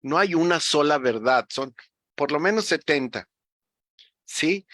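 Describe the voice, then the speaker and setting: A man's voice: a little high, lively intonation, a little slow, a bit bright, no echo, clean studio sound. A man from Mexico, explaining ideas in a reflective, teacherly way with frequent restarts. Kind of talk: conversational explanation.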